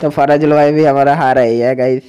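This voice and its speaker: Excitable man yelling gameplay commentary. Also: medium pitch, a little fast, lo-fi sound, slight background noise. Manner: loud, crude slang, cheering teammates. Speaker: gaming YouTuber.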